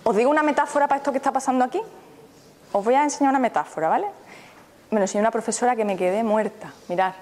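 A woman's voice: a little high, very fast, a little mellow. A woman, a therapist giving a live mindfulness talk, who keeps turning to the audience with questions. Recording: reverberant hall, faint background noise.

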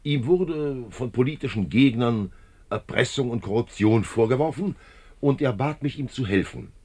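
An actor in a 1950s German radio play as a genial, wily older male police commissioner, jovial, chatty and slyly probing, with a husky voice. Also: mid-range voice, lively intonation, moderate pace, a little mellow, close to an everyday voice. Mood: reflective, animated. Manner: jovial, chatty, sly probing with little chuckles.

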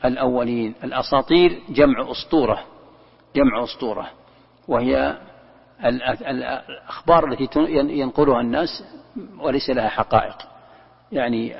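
A man's voice: mid-range voice, vocal fry, husky. A man, a sheikh giving a Quran commentary lesson, who explains step by step, repeating key words and demonstrating how a verse is recited. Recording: dull lo-fi recording in a long-echoing hall.

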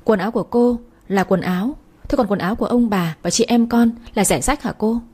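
A woman's voice: mid-range voice, fast, dark tone, slightly rough. A woman voicing a defiant, hot-tempered teenage granddaughter who talks back sharply.

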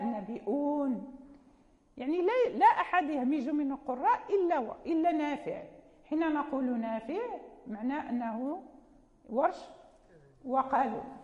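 A woman's voice: high-pitched, a little mellow. A woman teaching Quran recitation in a lecture, speaking Arabic with a Moroccan accent, explaining patiently with fillers and self-corrections. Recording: muffled sound with long hall reverb.

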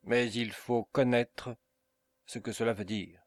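A man voicing a brooding, proud middle-aged Italian nobleman, speaking in a grave, measured way for an audiobook. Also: medium pitch, steady tone, no echo, close to an everyday voice. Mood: uneasy.

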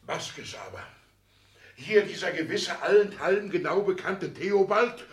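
An older male actor with a high-pitched, animated voice plays an indignant, anxious petty-bourgeois father who works as a minor official, in the style of 1960s German radio drama. He speaks at normal speed in a reverberant space, theatrically agitated and swinging between outbursts and hushed lament.

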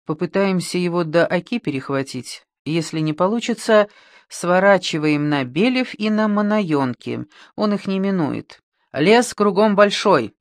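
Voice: medium pitch, expressive, unhurried, no echo, studio quality. Reader as a bossy gang leader, short and commanding, audiobook. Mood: planning. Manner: curt, commanding. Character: tough gang leader, curt and impatient.

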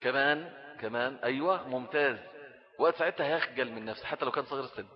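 A middle-aged man with an Egyptian Arabic accent giving a religious talk on raising children, animated and acting out little scenes as he speaks. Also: medium pitch, rapid-fire. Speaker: Islamic preacher. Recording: dull lo-fi recording.

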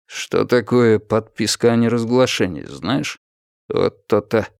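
A man voicing a calm, powerful corporal who speaks low, quietly and unhurriedly. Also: a little slow, creaky, no echo, clean studio sound. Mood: calm menace. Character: calm, powerful male corporal, mysterious soldier.

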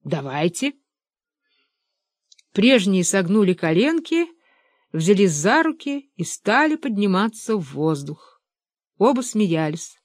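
A woman narrating a literary audiobook in a measured, expressive way. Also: mid-range voice, no room sound, clean studio sound.

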